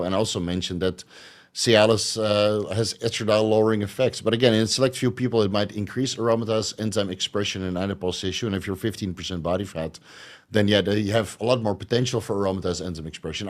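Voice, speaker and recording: A man hosting a casual livestream, reading out viewer questions and explaining his answers at length with frequent fillers. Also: lowish voice. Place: at home.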